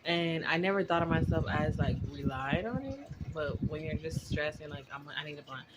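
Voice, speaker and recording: Speaking at a moderate pace in a voice that sits low, a woman in her 20s chats openly with viewers in a loose, conversational vlog style. Heavy noise and clicks run through the recording.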